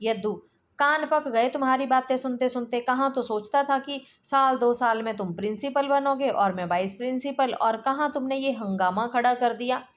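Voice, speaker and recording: A woman's voice: sits high, moderate pace, close to an everyday voice. A woman voicing a cynical middle-aged male colleague who lectures in a blunt, mocking way while she reads a play aloud for exam study.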